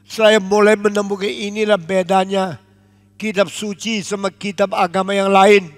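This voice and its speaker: An older man from Indonesia preaching a sermon as pastor, emphatic and deliberate, switching at times into English. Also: sits high, a bit bright. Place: large church auditorium. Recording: long echo of a large church hall.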